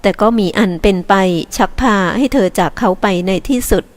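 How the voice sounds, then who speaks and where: A woman narrating a novel as an audiobook in a steady, measured reading voice. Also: medium pitch.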